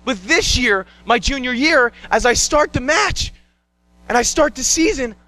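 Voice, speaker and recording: A young man performing a one-man show, telling a story in an animated way and acting out scenes and voices. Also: measured pace, no echo. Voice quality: bright, high-pitched voice. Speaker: solo stage performer.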